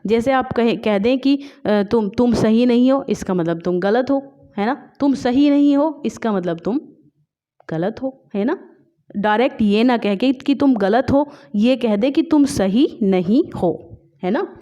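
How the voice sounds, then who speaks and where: A woman teaching English literature for exam prep, explaining in Hindi mixed with English, often checking in with "है ना?" and reading English examples slowly. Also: fairly high pitch, dark tone. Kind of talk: online exam-prep class. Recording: dull lo-fi recording.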